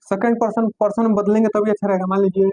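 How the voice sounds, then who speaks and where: A male teacher with a Hindi accent explains grammar in a fairly high voice, slowing down to dictate sentences and spell out words. The room is dry, and the close mic picks up no echo. His delivery is patient and methodical. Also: level tone, warm tone. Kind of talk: classroom lesson.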